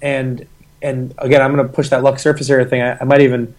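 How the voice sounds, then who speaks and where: A man's voice: mid-range voice, little pitch movement, fast, a little mellow. A man with a scratchy, sick voice, a guest rambling through a podcast interview with many restarts. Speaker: guest, agency founder.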